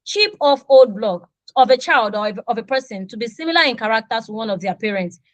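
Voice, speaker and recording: Speaking briskly in a slightly high voice, this thirty-something Nigerian teacher, a native Yoruba speaker, runs an online English lesson. She's animated and plays out short dialogues with students for fun. There's no echo, though the audio sounds dull.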